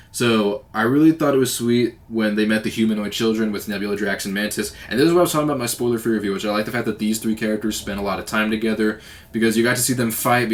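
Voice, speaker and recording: A young man giving a casual, enthusiastic spoken movie review, rambling with lots of fillers. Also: fairly low pitch.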